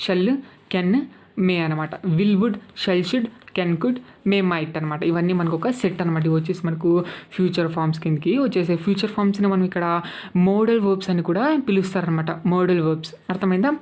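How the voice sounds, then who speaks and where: A woman's voice: on the low side, brisk, darkish tone. A woman teaching an English grammar lesson. She explains patiently, repeats each point and keeps asking whether the learner has understood. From Telugu-speaking South India. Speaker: English tutor.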